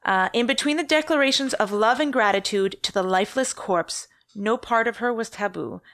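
A woman co-hosting a podcast casually tells a true-crime story, often correcting herself partway through sentences. Her voice sits on the high side with a fairly bright tone and normal speed, recorded dry with studio quality.

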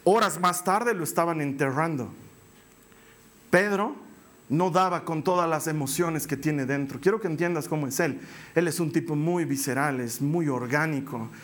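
High-pitched guy preaching, acts out the characters, cracks jokes. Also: moderate pace. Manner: animated storytelling, acting out voices, jokey. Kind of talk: sermon.

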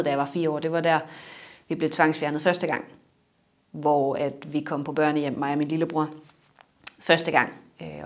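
A young adult woman in a personal interview, reflective and halting, her sentences trailing off softly. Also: low-pitched.

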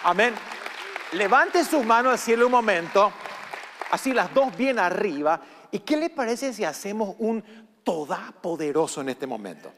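A man's voice: sits high, animated, normal speed, fairly bright tone, a faint crowd, slight background noise. A man preaching as a guest speaker in a church auditorium, exhorting the congregation with impassioned fervor. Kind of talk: sermon with sung worship. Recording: reverberant hall with music behind.

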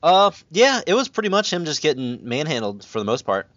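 A man's voice: on the high side, very animated, fairly quick, a bit bright, dry recording. Guy hosting a podcast, swears a lot, rambly, dry kinda muffled audio. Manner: swears freely, rambling with fillers. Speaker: podcast host. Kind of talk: casual wrestling chat.

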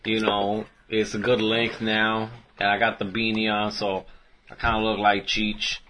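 A man's voice: on the low side, monotone, a little slow, bright, forceful tone, slight background noise. A man in his late twenties co-hosting a casual podcast chat, laid-back and full of slang. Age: 20s. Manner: laid-back slangy, says fool often. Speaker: podcast co-host.

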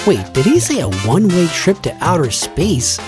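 A man's voice: high voice, big pitch swings, normal speed. A man co-hosting a children's music podcast, talking in a playful, scripted skit style.

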